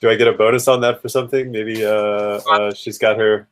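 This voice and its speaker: A man playing a tabletop game, describing his character's actions in a halting way. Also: fairly low pitch, level tone. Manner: halting, restarts often. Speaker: player. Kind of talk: casual tabletop play.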